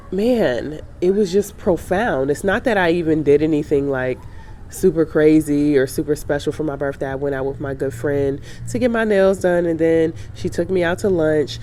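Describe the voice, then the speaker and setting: Her deep, darkish voice is congested and nasal from a lingering sinus cold as this travel vlogger in her thirties talks to camera at a normal speed. The chat is reflective and casual, full of fillers and false starts, with a faint hiss or hum in the recording.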